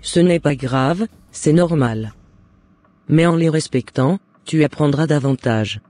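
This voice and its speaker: A man speaks as a cartoon's loving, devout mother, offering her son earnest, encouraging advice in formal terms, gently advising in scripted dialogue. He talks slowly, his voice on the high side and warm in tone.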